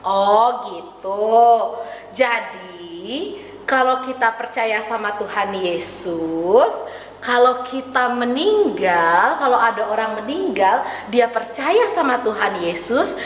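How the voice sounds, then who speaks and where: A woman pastor teaching an online Sunday school lesson for children, talking gently and coaxingly. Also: a little high, animated, slow, recorded from a distance. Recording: echoey hall, faint noise.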